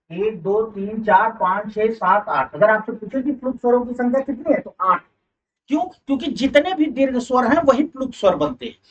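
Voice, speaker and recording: A man's voice: very high-pitched, a bit bright. A male teacher running a live online exam-prep class, calling his students "beta" and repeating key points. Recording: distant, dull online class audio.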